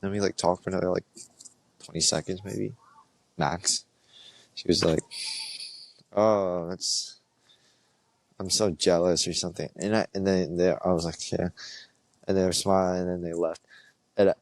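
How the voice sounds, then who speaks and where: A man's voice: deep voice, vocal fry, no room sound. A young man hosting a podcast, telling a rambling story in a casual, filler-heavy way with restarts and swearing. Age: young adult. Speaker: podcast host.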